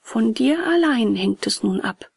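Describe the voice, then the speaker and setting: A woman voicing a gentle, wise, motherly fairy in a storybook reading, slow and softly whispered. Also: fairly high pitch, animated, creaky, breathy edge, no echo, full character voice. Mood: tender. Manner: slow, soft, often whispered.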